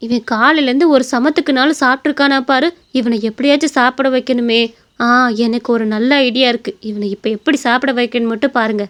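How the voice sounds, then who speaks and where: A woman's voice: on the high side, fairly even intonation, a little fast, close to an everyday voice. A woman voicing a strict but caring mother in a cartoon story, scolding and firm. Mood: stern.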